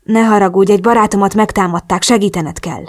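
A woman's voice: mid-range voice, steady tone, close to an everyday voice. Woman voicing an urgent, protective young man. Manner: urgent, pleading.

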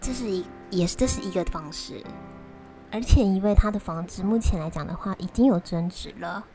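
A woman with a Taiwanese accent chats casually to viewers as a vlog host, talking while eating, in a halting way. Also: mid-range voice. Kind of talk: casual solo chat to viewers. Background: prominent music.

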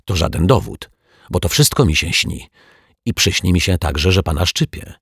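A man's voice: low voice, lively intonation, moderate pace, breathy edge, no echo, clean studio sound, exaggerated voice. A man voicing a timid but stubborn male detective in a storybook reading. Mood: scared.

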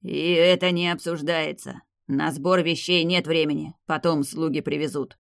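A stern old clan patriarch, as an audiobook reader plays him, barking orders in a raised, loud voice. The sound is dry and close, with no room around it. He brooks no argument. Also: medium pitch, fairly even intonation, normal speed, vocal fry, no room sound, lightly acted. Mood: commanding. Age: older. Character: stern old male clan head, commanding. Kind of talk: audiobook character voice.

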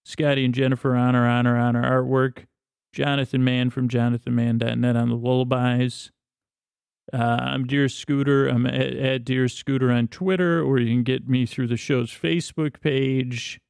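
A man with a creaky, gravelly voice drifts through a lulling bedtime ramble, pausing and correcting himself often. His pitch barely moves, and the recording is dry and close, with soft music underneath. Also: dry recording. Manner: lulling, soothing, meandering, with pauses and self-corrections. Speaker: sleep podcast host.

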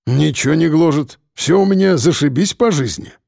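A man voicing a rough, evasive middle-aged working man who grumbles and mumbles in halting speech. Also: a little high, lively intonation, a little mellow, dry recording, clean studio sound, exaggerated voice. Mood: grumbling.

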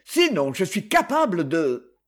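A man's voice: sits high, huge pitch swings, unhurried, a bit bright, full character voice. A man voicing a frightened thirty-five-year-old crime novelist who speaks tensely and sharply. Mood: shouting. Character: nervous hunted male crime novelist, 35.

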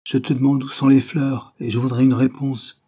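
A man's voice: mid-range voice, little pitch movement, moderate pace, dark tone, breathy edge, pitched above the performer's own voice, natural voice. Man voicing a sardonic young invalid, teasing. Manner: teasing, ironic. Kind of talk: audiobook character reading.

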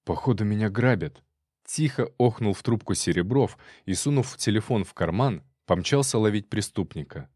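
Brief: male storyteller, low voice, expressive reading, dry studio. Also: moderate pace, no room sound. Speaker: narrator. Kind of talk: scripted audiobook narration.

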